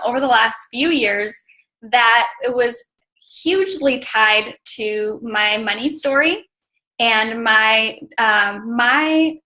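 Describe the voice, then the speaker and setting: On poor audio, the native Spanish-speaking Mexican woman, an interview guest who works as a coach and mentor, speaks in a fairly high, sharp voice. Her casual talk is packed with "like" and "you know."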